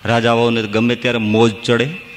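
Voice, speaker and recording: A man's voice: medium pitch, level tone, normal speed. A man, a monk giving a devotional sermon, telling folk stories and reciting verses. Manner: storytelling with folk verses and acted asides. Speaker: monk preacher. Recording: long hall reverb.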